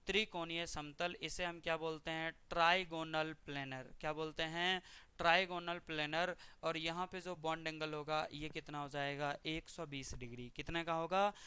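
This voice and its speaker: A man's voice: a little high, pushed and bright, clear, resonant tone, no room sound. A man teaching a chemistry exam-prep lesson, putting questions to his students and answering them himself.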